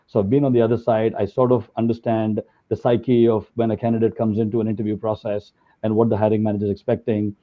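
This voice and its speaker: A man's voice: fairly low pitch, little pitch movement, fast talker. A man from India giving a conversational webinar talk over slides, with many fillers. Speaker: guest speaker. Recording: tinny phone-like call audio.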